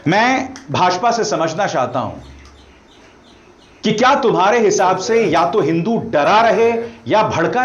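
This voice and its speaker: Pointed, animated male news commentator. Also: on the high side, roomy sound, dull audio.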